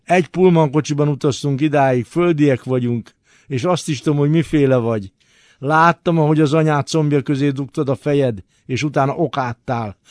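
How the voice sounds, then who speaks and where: A man's voice: on the high side, darkish tone, no echo, studio quality, lightly acted. A man voicing a rude, lanky male prison bully who talks in a sneering, menacing way.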